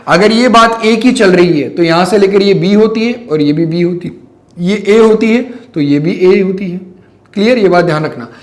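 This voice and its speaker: A male physics teacher giving a classroom lecture, mixing English math terms into his talk and often checking whether students follow. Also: sits high. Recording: echoey room.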